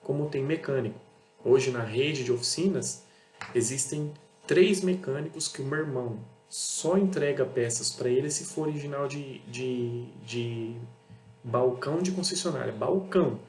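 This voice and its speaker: A Brazilian auto parts seller who hosts a channel delivers a blunt, casual monologue in a Brazilian Portuguese accent, repeating himself and acting out exchanges with customers. His mid-range voice moves at normal speed and is a little mellow. Soft background music plays in an echoey room with a faint hum.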